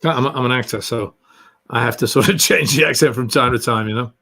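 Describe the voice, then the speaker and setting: A man with an English accent, a guest actor telling stories in a relaxed interview, rambling and filling his talk with "you know". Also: medium pitch, a little fast, vocal fry, husky. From England.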